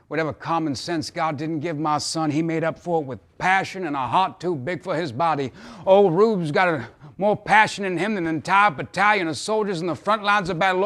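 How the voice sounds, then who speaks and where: A man with a natural, mid-range voice plays a troubled, folksy father in a theatrical dramatic monologue. He pleads earnestly, sometimes halting and sometimes impassioned, his mood apologetic and earnest.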